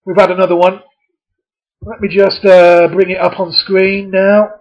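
A man in a community media presenter's role reads a letter aloud, cutting in with sarcastic, scoffing comments. His voice sits a little high. The recording is dull and lo-fi. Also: level tone, unhurried.

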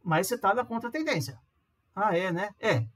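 A man with a Brazilian Portuguese accent gives a casual, chatty tutorial on reading charts as an amateur trader. He checks in with listeners using quick tags and acts out their questions. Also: high voice, animated, fairly bright tone. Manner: acts out viewers' questions in a livelier voice. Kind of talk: casual screen-recorded tutorial.

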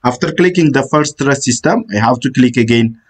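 Step-by-step software instructions come from a man with a mid-range voice over a screen recording. He speaks haltingly, repeatedly saying "uh."

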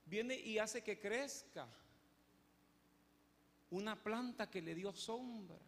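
High gravelly-voiced man preaching. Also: slow. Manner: lively storytelling, acting out voices, emphatic. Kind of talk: sermon. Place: church hall. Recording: echoey church hall.

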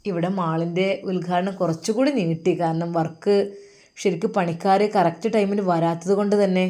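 A woman's voice: fairly low pitch, steady tone, normal speed, dark tone, close to an everyday voice. A woman voicing a dutiful young businessman son who speaks politely and earnestly.

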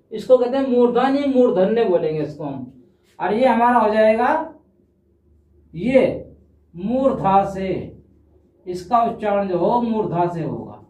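A male teacher giving a patient classroom-style grammar lesson. He repeats his points, checks in after each step, and sounds out examples slowly. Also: extremely high pitch, darkish tone. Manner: demonstrates sounds aloud slowly. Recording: echoey room, mic set at a distance.

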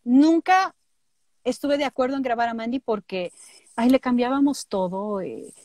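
A woman with a Mexican accent, a voice actress telling stories in a lively way in an interview. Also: fairly high pitch, normal speed, dry recording. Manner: lively, acts out quotes. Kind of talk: casual interview storytelling.

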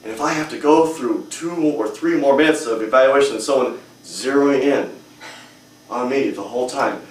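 Here a young man speaks at medium pitch and normal speed, giving a strong, emphatic humorous speech he prepared for a public speaking club. It takes place in a hotel meeting room, captured from afar by a camera, so the room sounds echoey.

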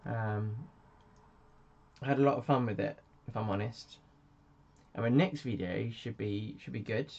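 A man's voice: fairly low pitch, measured pace, long pauses, darkish tone. A man hosting a casual live stream, chatty and self-mocking as he answers viewers. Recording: dull lo-fi sound.

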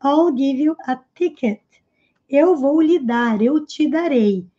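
A Portuguese-speaking woman teaching English in a live lesson, explaining phrases and repeating them slowly. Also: sits high, animated, dark tone, muffled recording.

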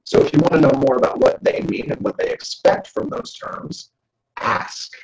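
A man giving a joking, animated lecture to an audience as a guest speaker. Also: medium pitch, moderate pace, echoey room, low-quality recording. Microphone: camera.

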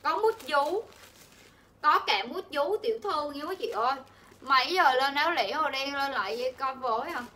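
Her high-pitched voice is expressive, bright and pushed, moving at a normal speed. Selling clothes live from an indoor home shop, this young woman keeps up nonstop chatter, presses deals on viewers, and talks to them directly the whole time.

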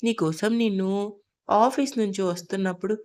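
A woman playing a tender young mother in an audio story, soft and gentle, her voice dropping quieter and a little lower than the narration. Mid-pitched female tone. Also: normal speed, close to an everyday voice.

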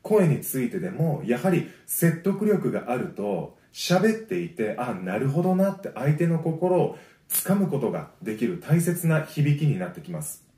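A man teaching a voice lesson. He gives friendly, encouraging explanations and breaks them up with sustained low sung vowels. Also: very animated, moderate pace, hardly any pauses, mellow. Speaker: voice trainer. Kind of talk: vocal lesson. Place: home. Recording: roomy echo.

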